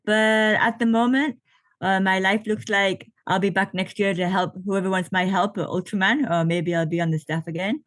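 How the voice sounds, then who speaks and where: A podcast guest in her late fifties, an ultra triathlete, has a casual interview chat over a video call, with frequent laughter and lots of fillers. She has a medium-pitched voice, fairly even intonation and normal speed, and the audio has no echo.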